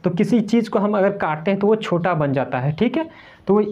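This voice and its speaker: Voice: medium pitch, expressive, fairly quick, darkish tone. An online tutor explaining memory tricks for general-knowledge exams, repeating each point and asking questions only to answer them. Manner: repetitive, poses and answers own questions, keeps calling viewers "friends". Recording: slightly dull, lo-fi recording.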